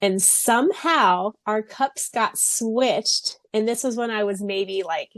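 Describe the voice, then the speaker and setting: A woman co-hosts a podcast, chatting and telling anecdotes in a giggly, folksy, informal way. Her voice is medium-pitched, slow, and a bit bright, with no echo.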